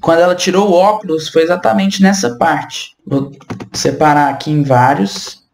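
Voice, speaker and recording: A woman teaching French pronunciation online, patiently repeating words slowly and explaining them casually. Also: fairly low pitch, vocal fry, darkish tone, roomy sound, slight background noise. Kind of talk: online language lesson.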